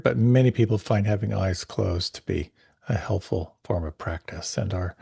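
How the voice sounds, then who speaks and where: A man teaching a guided meditation class, giving gentle, unhurried, soothing instructions with pauses. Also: on the low side, creaky, slightly rough, no room sound, studio quality.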